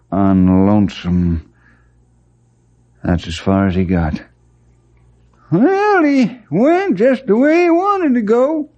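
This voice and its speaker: Slow, steadfast ranger, old radio. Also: male voice, fairly low pitch, warm tone. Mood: grave. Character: Ranger Bill, steadfast, plain-spoken male forest ranger leader. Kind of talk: old-time radio western acting. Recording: dull vintage radio recording.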